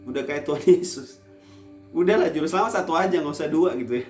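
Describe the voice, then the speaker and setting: A man preaching a casual youth sermon for an online service, with playful teasing asides, swinging from loud emphasis to quiet low lines. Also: fast, echoey room, soft background music.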